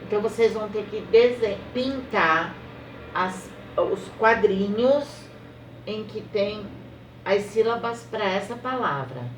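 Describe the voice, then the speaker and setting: A woman's voice: medium pitch, expressive. A Brazilian Portuguese woman teaching young children, patiently dictating words one by one and checking in often. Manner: slow, drawn-out word-by-word dictation; patient, explains step by step and checks in with "tá?". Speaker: primary school teacher. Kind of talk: recorded remote lesson for young children. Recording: roomy, a little distant, faint noise.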